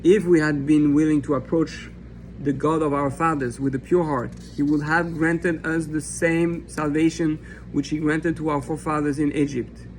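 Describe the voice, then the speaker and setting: A man's voice: on the high side, flat delivery, normal speed, a little hiss or hum, rough recording. A man raised in France teaching a Torah lesson as a rabbi, reading a text aloud and explaining it in an earnest, impassioned way. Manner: earnest and impassioned, acting out imagined questions and answers.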